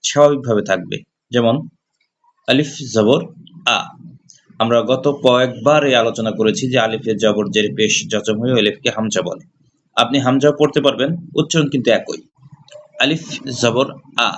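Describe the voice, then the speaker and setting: Male Quran teacher, patient and methodical, drills syllables slowly. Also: medium pitch. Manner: patient, repeats syllables slowly with hesitant fillers. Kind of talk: step-by-step recitation lesson.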